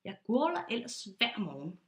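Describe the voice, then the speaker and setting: A woman voicing a meek, polite male teddy bear in a storybook read aloud, speaking a little lower and softer. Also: big pitch swings, close to an everyday voice. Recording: roomy echo.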